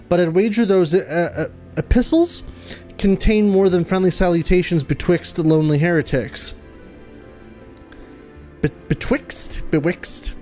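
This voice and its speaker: A man's voice: a little high, a little mellow. A man streaming a game, reading its dialogue aloud, tripping over fantasy names and laughing often.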